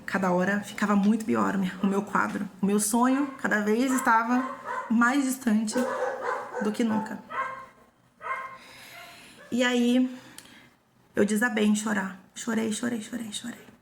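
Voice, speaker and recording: A woman's voice: medium pitch, fairly even intonation, measured pace, vocal fry, long pauses, a little hiss or hum. A young woman with a Brazilian Portuguese accent tells her own story in a personal testimony vlog. She talks earnestly and emotionally and repeats phrases for emphasis.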